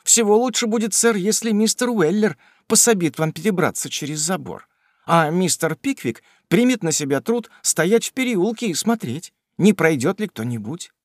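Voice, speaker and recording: A man voicing a timid, eager young housemaid in a high, breathless, fussy voice. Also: animated, normal speed, dry recording, clean studio sound. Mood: flustered.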